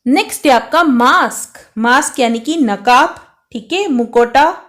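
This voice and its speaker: A woman's voice: high voice, lively intonation, a little slow, a bit bright. A woman teaching English words. She spells each word out letter by letter and keeps checking in with a rising "okay?". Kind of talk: explaining vocabulary lesson.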